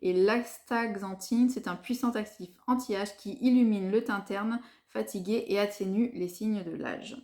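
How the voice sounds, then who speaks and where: A woman's voice: medium pitch, unhurried, hardly any pauses, a little mellow. Chatty woman in echoey room. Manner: chatty, many hesitations, enthusiastic about products. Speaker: beauty vlogger. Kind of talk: casual product review.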